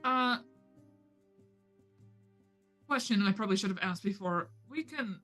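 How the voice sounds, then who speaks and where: A woman with a bright, forward voice at average pitch takes part in a tabletop game as a player. She talks casually, over faint music. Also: expressive, a little slow.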